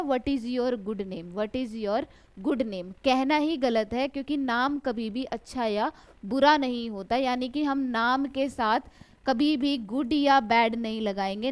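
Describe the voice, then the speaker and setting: Woman teacher, fairly high voice, asks then answers herself, stretches example words out slow. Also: clean tone. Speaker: English grammar teacher. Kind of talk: classroom lecture.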